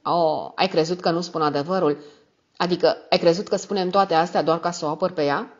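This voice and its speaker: Woman reading a soft-spoken, evasive young dandy, lo-fi. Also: lowish voice, fairly even intonation, natural voice. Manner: soft, hesitant. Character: shy evasive well-dressed young man.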